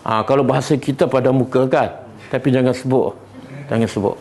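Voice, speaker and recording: A middle-aged man with a Malaysian Malay accent teaching a Quran study class, often quizzing his students with short questions and reciting verses slowly. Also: mid-range voice, fairly even intonation, darkish tone. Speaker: religious teacher.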